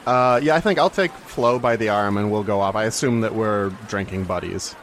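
A man playing a tabletop game, laid-back and quick to laugh. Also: fairly low pitch, fairly bright tone, a little hiss or hum. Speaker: player. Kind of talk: casual game table chat.

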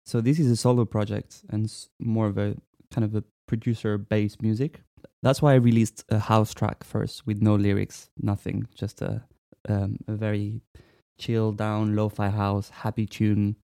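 A man in his twenties from France, a musician talking casually in an interview, relaxed and hesitant with many fillers. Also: lowish voice, normal speed, vocal fry, no room sound, studio quality. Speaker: musician guest.

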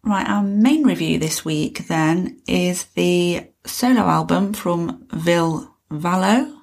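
A woman's voice: lowish voice, slow, creaky, a little mellow. A woman co-hosting a podcast, chatting casually about music news and hedging with "obviously" and "I think". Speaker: podcast co-host.

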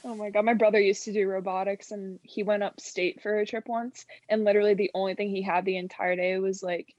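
A woman's voice: mid-range voice, level tone, a little fast, darkish tone. A young woman with a New York accent in casual chat, blunt and chatty with lots of fillers. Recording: dull lo-fi sound.

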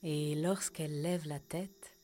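A woman narrating a scripted children's story in a slow, gentle storytelling manner. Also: low voice, steady tone, soft background music.

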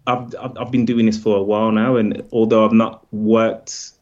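A man's voice: lowish voice, flat delivery, moderate pace, darkish tone, dull audio. A man, a film director, answering interview questions hesitantly with many fillers.

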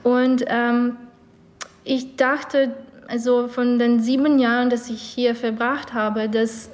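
A yoga teacher from Ukraine who was raised in Canada speaks German, not her first language, as an interview guest, hesitating and using many fillers. Her voice is fairly high with little pitch movement, and she takes it slowly.

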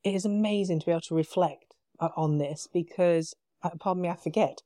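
A woman with a British accent, a podcast guest, telling her story in a casual, animated way with quoted dialogue. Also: lowish voice, brisk, dry recording, studio quality. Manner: animated retelling with quoted dialogue, frequent laughs.

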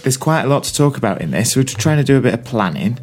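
A man's voice: mid-range voice, sing-song, quick pace, soft background music. A man, chatting casually as a podcast co-host and thinking aloud as he talks. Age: 20s. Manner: rambling, thinking aloud with restarts. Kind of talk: casual chat.

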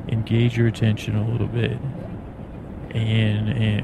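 Recorded on a plane in flight with steady, clear cabin noise, this bedtime podcast host is an American man whose voice is low and gravelly. He wanders soothingly from thought to thought, pausing and meandering.

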